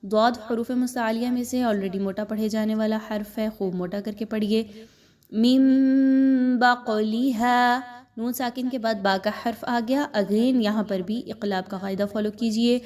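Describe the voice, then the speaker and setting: A woman with a fairly high voice teaches a Quran recitation lesson. She patiently explains each letter's pronunciation and rule, then recites the phrase slowly in a chanting style. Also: fairly even intonation, a little mellow.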